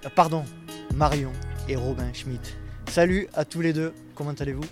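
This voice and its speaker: A man's voice: on the high side, normal speed, over music. A man hosting a casual interview, thanking and introducing guests in a friendly way with fillers. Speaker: podcast host.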